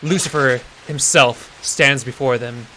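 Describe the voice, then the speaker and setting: A man's voice: medium pitch, fairly even intonation, measured pace, pushed and bright, slight background noise. A man improvising a goofy story while streaming a game, rambling with lots of restarts and fillers.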